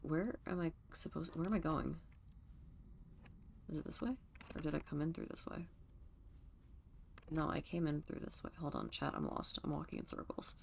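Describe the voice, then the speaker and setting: A woman's voice: low voice, big pitch swings, normal speed, vocal fry, pauses often, slight background noise. A woman streaming a video game, chatting to her viewers and thinking aloud as she plays, with the odd swear. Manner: talks to chat while playing, thinking aloud, swearing. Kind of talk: casual let's-play commentary.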